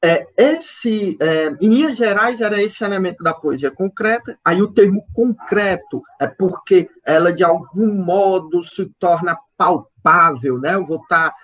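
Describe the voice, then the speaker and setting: A male literature lecturer from Brazil speaks on an online poetry lesson, his voice sitting a little high. He works through his points slowly, repeating words and stopping to check in with his listeners. At times he counts out syllables and stresses aloud. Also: lively intonation, a bit bright. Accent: Brazilian Portuguese.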